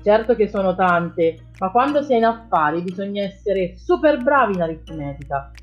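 A woman's voice: medium pitch, very animated, normal speed, muffled recording, faint music behind, close to an everyday voice. A woman reading an audiobook, voicing a boastful, bullying father who deals in cars. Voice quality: loud, bullying, self-satisfied. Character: blustering boastful father, a crooked car dealer.

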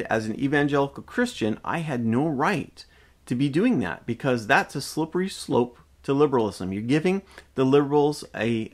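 A man hosting his own channel, giving a reflective personal monologue with many pauses, fillers and restarts. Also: mid-range voice. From Canada. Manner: hesitant, frequent uh fillers and restarts.

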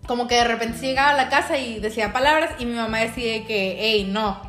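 A woman's voice: fairly high pitch, fast talker, a bit bright. A young Mexican woman with a Mexican accent, telling stories in a casual podcast chat, full of filler words. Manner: chatty, storytelling with filler words. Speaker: podcast co-host. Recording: roomy echo with music behind.

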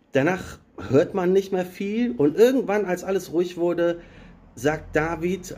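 A man preaching in a relaxed, conversational way, his voice mellow and dark at a middling pitch. He retells an old story plainly and turns to address the listener directly, now and then stopping to search for a word. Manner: self-correcting, searching for words. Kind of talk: sermon.

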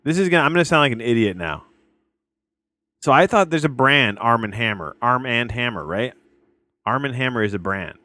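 Animated and a little fast, this man's medium-pitched voice has a sharp tone and no echo. The late-thirties podcast host casually reviews a documentary from home, headphones on, tree crew working outside, rambling, restarting sentences, interrupting himself, and swearing a lot.

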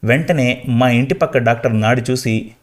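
A man narrating a first-person story in a quiet, even storytelling way. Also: mid-range voice, normal speed.

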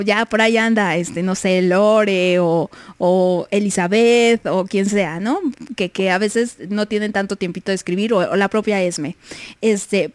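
Giggly and chatty, this young Mexican livestream host reads out messages in a mid-range voice, using lots of filler words. The sound is dry.

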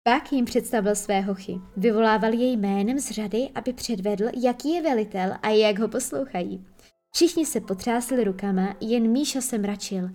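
A woman reading a children's story aloud with lively, gentle storytelling. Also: on the high side, faint music behind. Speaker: narrator.

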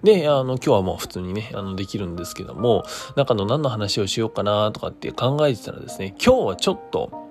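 A creator hosting his own daily talk stream speaks fast and expressively in a casual solo monologue, with music playing behind him. His pitch moves a lot as he shifts between polite announcer phrasing and chatty asides. He thinks aloud, hesitating and meandering.

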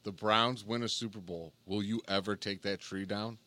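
Co-host guy, lowish voice but bright and sharp, cracks quick jokes. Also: fairly even intonation. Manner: jokey, quick interjections. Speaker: podcast co-host. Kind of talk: casual sports talk.

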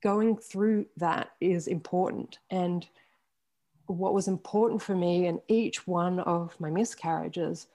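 Frank, lower-pitched woman in her forties. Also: takes it slowly, warm tone. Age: 40s. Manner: open and frank, with laughs and mild swearing. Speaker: podcast guest. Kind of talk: candid personal storytelling.

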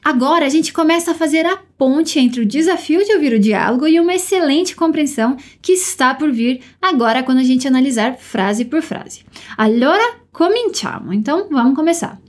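A high-voiced woman with a Brazilian Portuguese accent runs a podcast language lesson. She sounds upbeat and encouraging and slows down carefully to model each word. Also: a little mellow. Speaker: language teacher.

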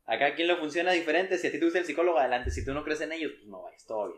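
Rapid joking young Mexican man. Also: a little high, a bit bright, echoey room. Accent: Mexican Spanish. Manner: joking, slangy, mimics voices. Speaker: podcast co-host. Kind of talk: casual chat.

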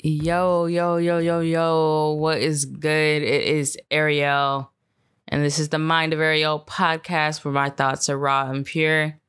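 A woman's voice: low-pitched, flat delivery, fairly bright tone, clean tone. A woman hosting her own podcast in a casual solo chat, tired, swearing heavily and rambling in laid-back slang with lots of fillers. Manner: laid-back, unhurried talk with frequent fillers. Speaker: podcast host.

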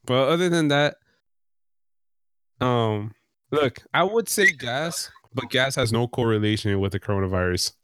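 A man's voice: mid-range voice, expressive, a little slow, a bit bright, smooth, no room sound, studio quality. A young man hosting a casual group discussion in a loose, slangy way. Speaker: host of a casual podcast.

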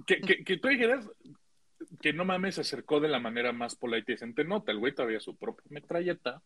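A man's voice: big pitch swings, a little fast, a bit bright, no room sound. A young man with a Mexican accent tells a story to friends in loose, slang-heavy talk. He mimics the people in it by jumping his voice way up. The mic is close and the room is dry. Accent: Mexican Spanish. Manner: slangy, acts out quoted voices with big pitch jumps. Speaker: storyteller in group chat. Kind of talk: casual storytelling chat.

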